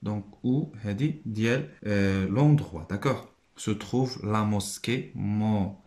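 A man with a Moroccan accent teaching a primary school lesson. He says each word slowly and stresses it, then explains in quieter asides. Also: on the low side, reverberant. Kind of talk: classroom lesson walkthrough.

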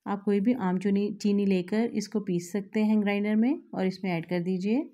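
A woman host, calmly explaining a recipe step by step to her viewers in a voice-over. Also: medium pitch, normal speed. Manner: calm, instructive, addresses viewers directly. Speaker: cooking channel host.

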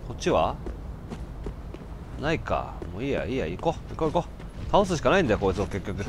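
Guy doing game commentary, voice jumps all over, mutters then yells, faint hum behind. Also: lowish voice, big pitch swings, quick pace. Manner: jumpy, loud outbursts between muttered asides. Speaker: let's play commentator. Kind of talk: casual gameplay commentary.

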